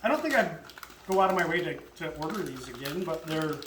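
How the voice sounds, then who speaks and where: A man with a high voice chats through a casual snack review as its lead. He is halting and searches for words. The room is very echoey, with faint noise behind him. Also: animated, recorded from a distance. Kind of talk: casual group chat review.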